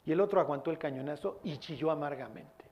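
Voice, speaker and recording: A male preacher with a somewhat high voice. He tells the stories in an animated way and slips into the voices of the people he quotes. Sermon delivery. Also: fast, lo-fi sound, a little hiss or hum. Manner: animated storytelling, acting out quotes.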